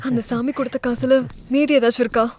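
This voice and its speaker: A woman's voice: high voice, fairly even intonation, fast, darkish tone, a little hiss or hum, lightly acted. An actress playing a young wife who sharply scolds her drunk husband in a dubbed film. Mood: scolding.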